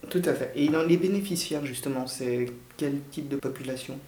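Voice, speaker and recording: Slow, measured woman radio interviewer. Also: extremely low pitch, mellow. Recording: echoey room.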